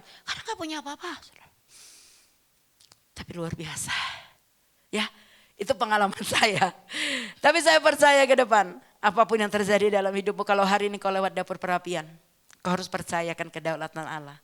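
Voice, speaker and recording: Bright-voiced Indonesian woman pastor preaching. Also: mid-range voice, lively intonation. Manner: swings from hushed, slow confession to loud, emphatic preaching. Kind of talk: sermon.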